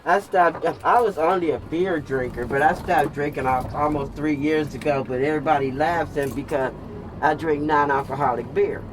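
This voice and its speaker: An older woman chatting casually and telling stories in an animated, emphatic way, repeating phrases for comic effect. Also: deep voice, normal speed. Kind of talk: casual storytelling chat. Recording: noisy with clear vehicle and street sound.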